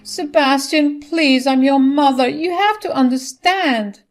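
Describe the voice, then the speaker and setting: A woman voicing a desperate, scheming middle-aged mother-in-law who pleads in a high, loud voice. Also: measured pace, faint music behind. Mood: desperate pleading.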